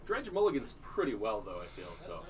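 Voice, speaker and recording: A young man casually commentating a live card tournament, quick and loose with lots of filler words. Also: fairly low pitch, wildly swooping pitch, over music. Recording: crowd chatter behind.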